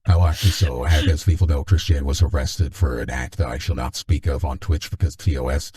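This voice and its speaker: Male stream host with a deep voice-changer voice, extremely low, rambling and joking. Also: moderate pace, warm tone. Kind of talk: casual stream chat.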